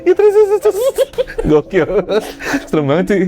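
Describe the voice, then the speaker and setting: Host lady reacting, laughing along, soft music under. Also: mid-range voice, huge pitch swings, normal speed. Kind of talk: casual podcast chat.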